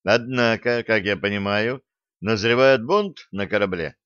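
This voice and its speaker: A man's voice: lowish voice, expressive, measured pace, fairly bright tone, no echo. Guy reading a timid flustered professor, stammery, dull audiobook. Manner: flustered, hesitant. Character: fussy timid male professor.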